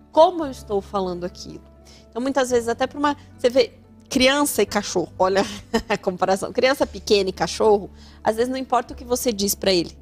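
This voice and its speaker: A woman with a Brazilian Portuguese accent hosting an advice talk show, speaking animatedly and acting out the voices she quotes. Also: fairly high pitch. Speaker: radio host giving family advice.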